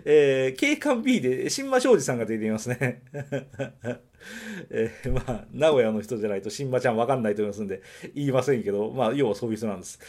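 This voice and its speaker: A man's voice: mid-range voice, expressive, fast talker, darkish tone. A man from Nagoya hosting a podcast, chatting casually about a film and correcting himself as he thinks aloud. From Nagoya, Japan. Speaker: podcast host reviewing films. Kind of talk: casual solo film review.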